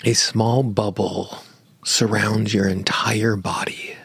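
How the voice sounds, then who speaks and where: A man with a gravelly, husky, slightly low voice leads a guided relaxation, drawing out every phrase very slowly and softly. Now and then he drops into a near whisper. The recording is dry and close. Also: level tone, no room sound. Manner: slow, soothing, drawn-out phrasing with long pauses. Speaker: meditation guide.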